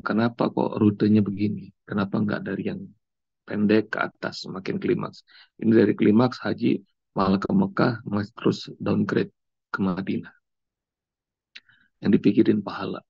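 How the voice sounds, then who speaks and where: Gravelly low-voiced male preacher. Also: a little mellow, no room sound. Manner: conversational, anecdotal, unhurried. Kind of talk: storytelling sermon. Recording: dull lo-fi recording.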